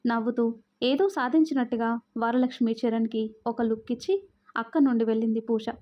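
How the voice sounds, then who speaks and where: A woman storyteller with a somewhat high voice, reading a scripted story in a steady, expressive way. The sound is muffled and lo-fi, without crisp highs. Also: a little fast. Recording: muffled lo-fi audio.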